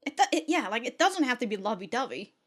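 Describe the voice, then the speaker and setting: A woman hosts a reaction video with casual, sweary, giggly commentary, often breaking into laughter. Her voice is on the high side with big pitch swings, and she talks fast.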